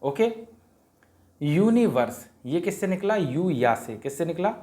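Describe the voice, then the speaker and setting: A man's voice: on the high side, very animated, unhurried, mellow. Man drilling vowels in a lesson. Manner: repetitive sing-song vowel drilling, asks and answers himself. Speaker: teacher explaining a worksheet. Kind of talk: Hindi grammar lesson for parents.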